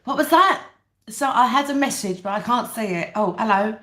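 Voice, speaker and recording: A woman's voice: a little high, animated, normal speed, a bit bright. British woman chatting through a mukbang, echoey room. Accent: British English. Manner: chatty mukbang-style talk while eating dinner. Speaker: livestream host. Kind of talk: casual live chat over a meal.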